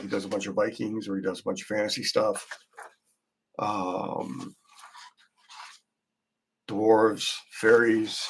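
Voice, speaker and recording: A man hosting a live drawing stream, chatting casually in a rambling, halting way as he thinks aloud. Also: mid-range voice, creaky, a bit bright, husky. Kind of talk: casual livestream chat while drawing.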